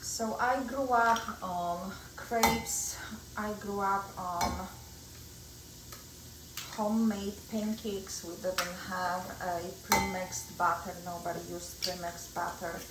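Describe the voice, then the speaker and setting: A middle-aged woman with a Polish accent talks unhurriedly as she cooks. She chats through each step in her home kitchen. Her voice rings around the hard-surfaced room, with a clear steady hum of noise behind her. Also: mid-range voice, slow, roomy sound. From Poland. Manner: chatty, explains each step while working. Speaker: cooking show host. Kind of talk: home cooking demonstration.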